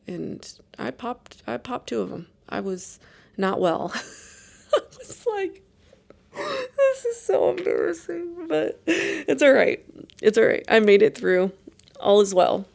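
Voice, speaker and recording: A woman's voice: medium pitch, creaky. A woman hosting a podcast, telling a rambling, self-deprecating story in a casual chatty way with many restarts. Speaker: podcast host.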